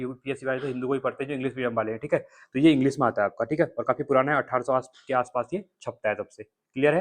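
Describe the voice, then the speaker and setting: A man teaching as an exam coach, walking through test questions one by one and checking often that listeners follow, with an Uttarakhand Hindi accent. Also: fairly high pitch. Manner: explains answers step by step, repeating checks with listeners.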